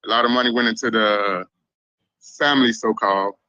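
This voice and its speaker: A man from Israel, a guest on a live dating interview, giving short, flat answers. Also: lowish voice, a little fast, dry recording, lo-fi sound.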